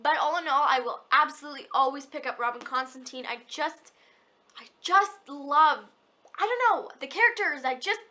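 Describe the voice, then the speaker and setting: A young woman with a high, bright voice talks about books she loves. She gushes and rambles in a hyper way, often stopping and restarting her sentences. The talk is casual and personal. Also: normal speed. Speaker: book vlogger. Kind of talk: casual chat.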